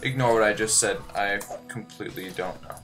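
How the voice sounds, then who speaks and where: A man's voice: fairly low pitch, a little fast, fairly bright tone. A man hosting a gaming video with casual, rambling commentary and joking asides. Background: game music.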